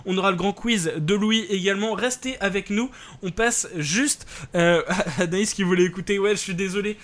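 A man's voice: sits high, moderate pace, fairly bright tone. A young man hosting a live stream talk show, hesitant, thanking viewers and laughing between remarks. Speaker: host.

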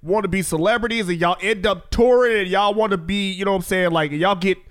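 A man hosting a casual podcast, joking loudly and swearing constantly. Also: high voice, fairly even intonation, brisk. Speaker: podcast host. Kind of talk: casual profane banter.

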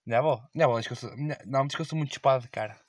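A man's voice: mid-range voice, very fast, a little hiss or hum. A young man with a European Portuguese accent in a casual podcast chat with friends, slangy and full of swearing. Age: young adult. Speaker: podcast co-host.

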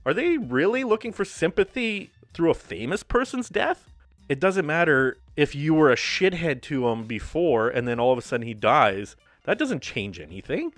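Animated, cursing male show host. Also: medium pitch, no echo. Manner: profane, rambling and animated. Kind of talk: casual drinking-show chat.

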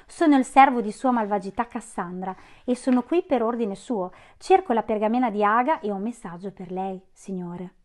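A woman's voice: mid-range voice, normal speed, hardly any pauses, a little mellow, lightly acted. A woman voicing a timid green servant creature who speaks deferentially and naively.

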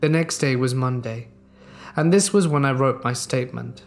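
A man narrating a submitted true horror story in a steady, measured way. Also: medium pitch.

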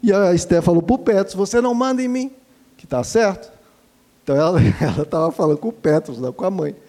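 A man, a father giving gentle, instructive parenting advice and warmly addressing his listeners. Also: on the high side, expressive, fast talker. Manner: gentle and didactic, calls listeners "dear ones". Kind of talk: earnest advice talk to listeners.

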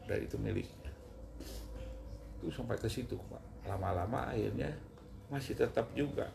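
A man's voice: mid-range voice, normal speed, gravelly. A middle-aged man, a guest in an interview, emotionally recounting a personal story. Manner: emotional, animated retelling with rising outbursts.

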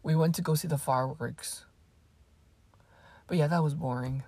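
Teenage girl, low voice, husky, dry close sound, casual vlog storytelling, rambling, swears a lot. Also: normal speed, mellow, no room sound. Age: teens. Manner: rambling and profane, with fillers and asides. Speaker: vlogger.

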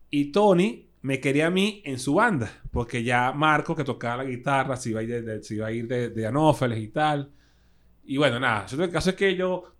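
A man with a Caracas Venezuelan accent, a guest musician telling stories in animated, slangy casual chat with lots of fillers. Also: mid-range voice. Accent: Venezuelan Spanish (Caracas).

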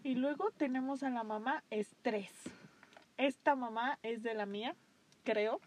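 Brief: woman co-host, slightly high voice, faint hiss behind. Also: measured pace. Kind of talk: casual chat.

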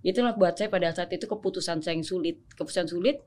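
A woman's voice: fairly low pitch, a little mellow. A woman guest earnestly recounting a hard personal story in an interview, with frequent fillers. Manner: fast, earnest, often pausing on fillers.

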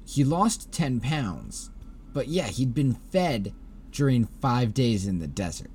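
Man, podcast host, casual rambling chat, warm low tone. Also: sing-song, slow pace, a little hiss or hum. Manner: joking, rambling with restarts.

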